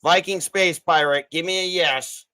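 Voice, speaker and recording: An excitable man hosts a live fight stream, calling the action and his bets as they happen. His voice sits a bit high for a man, and he cheers the fighters on as the fight unfolds. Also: unhurried. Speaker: livestream host. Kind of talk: live fight betting commentary.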